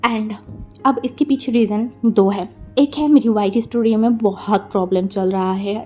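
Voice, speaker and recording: Young woman, storytelling channel host, chatty fan-fiction reader, apologetic asides, higher pitched, soft mellow tone. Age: young adult. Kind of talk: casual fan-fiction reading.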